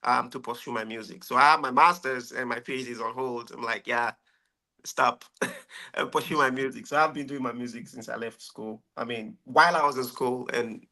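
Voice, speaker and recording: A man's voice: medium pitch, steady tone, brisk, hardly any pauses, pushed and bright. A man in his thirties from Nigeria with a Nigerian accent, chatting easily as a guest on a radio interview show, often laughing. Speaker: guest musician.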